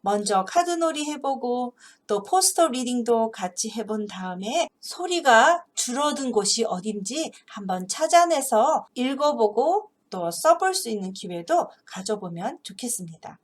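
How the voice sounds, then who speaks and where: A woman gives a phonics lesson for teachers in a fairly high voice that rises and falls a great deal. She takes her time, explaining patiently and drawing out each example word with care. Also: very animated. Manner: explains patiently, then reads example words slowly and carefully. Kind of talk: instructional video lesson for teachers.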